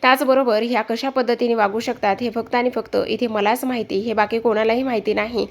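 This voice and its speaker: Brief: woman reading a sharp-tongued accuser, blunt and insistent, higher voice. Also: fairly even intonation, brisk, lightly acted. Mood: accusing.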